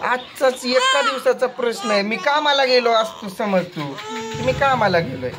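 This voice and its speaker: A man's voice: very high-pitched, expressive, normal speed, heavy background noise. A man, chatting at home in a family vlog and teasing and scolding in turns. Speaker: family vlogger. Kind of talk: casual family chat on camera.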